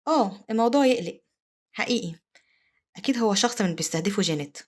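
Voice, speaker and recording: A woman voicing a gentle, naive young noble wife in her Egyptian Arabic accent, brisk and slightly bright. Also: medium pitch, animated, close to an everyday voice. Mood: eager.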